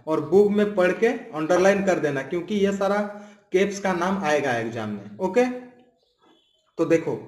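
High-voiced teacher. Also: male voice, animated, a little mellow, roomy sound. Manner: reads out long lists of names slowly; mixes Hindi with Odia and English words. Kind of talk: class lesson explaining to students.

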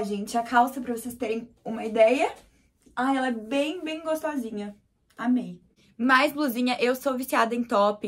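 A young Brazilian woman, shivering from the cold, gushing over clothes in a casual haul vlog and repeating words for emphasis. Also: sits high. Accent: Brazilian Portuguese. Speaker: fashion vlogger.

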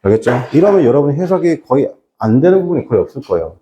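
A middle-aged man teaching an English reading class to high school students, often asking rhetorical questions. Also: sing-song, fast talker, muffled recording, noisy background. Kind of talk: classroom lecture.

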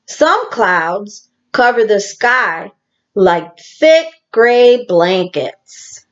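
A female teacher reads a picture book aloud to young children, telling the story in a deliberate, animated way and adding asides for her listeners. Her voice sits in the mid-range, and the recording sounds muffled.

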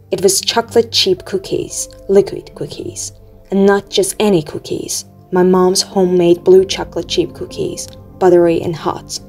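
A woman reading an audiobook aloud in a steady, measured storytelling manner. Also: fairly low pitch. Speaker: audiobook reader. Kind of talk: audiobook narration. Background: faint music.

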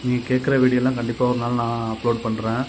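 Fast and monotone at medium pitch, a Tamil Nadu carpenter teaches tool-making step by step on his channel while background noise runs underneath. His explanation is casual, plain and repetitive.

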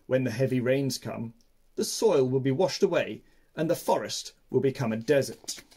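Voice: mid-range voice, moderate pace, mellow, husky. A storyteller voicing a chattering troop of monkeys in a storybook. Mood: worried.

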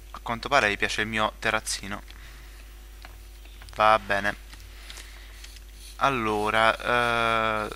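A man's voice: fairly low pitch, pushed and bright, slight background noise. A young man giving casual gameplay commentary, rambling with many fillers, restarts and joking asides. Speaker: gaming video creator.

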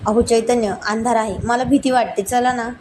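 A woman voicing a bashful young woman in love, pleading and gently scolding. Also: a little high, fairly even intonation, normal speed, a little hiss or hum, close to an everyday voice. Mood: shy, pleading.

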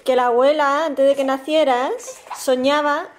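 A woman's voice: high-pitched, steady tone, measured pace, a little hiss or hum. A woman, chatting to a handheld camera in a family vlog, laughing often. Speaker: family vlogger. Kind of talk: casual vlog chat. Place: car and home. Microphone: handheld camera at arm's length.

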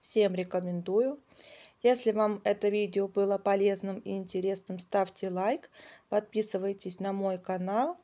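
A woman's voice: mid-range voice, fairly even intonation, moderate pace, dark tone. A woman reviewing books casually, explaining step by step like a children's tutor. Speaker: children's reading tutor and channel host.

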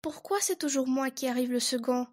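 A woman voicing a shy, sad little boy beaver who speaks quietly and plaintively. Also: high voice, a little fast.

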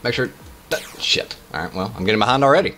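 A man in his thirties giving casual, halting commentary as host of a gaming challenge video, with exclamations and muttered asides. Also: lowish voice, sharp tone. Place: small room indoors. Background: music.

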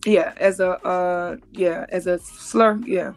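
A woman in her thirties joins a live stream by video call as a guest, explaining things emphatically and often repeating herself. She speaks slowly in a lowish, steady voice, with faint music behind her.

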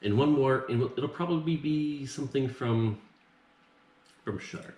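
A man's voice: medium pitch, moderate pace, mellow. A man in his forties talking casually as the co-host of a home film review. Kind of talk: casual chat. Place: open living and dining room at home. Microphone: camera mic a little way off on the table. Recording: echoey room, faint background noise.

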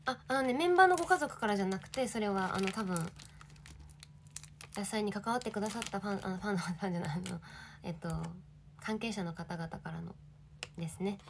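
Over background noise, a young idol in her twenties chats casually on her livestream, bubbly and giggly as she reads viewer comments. She talks at a quick pace in a medium-pitched voice.

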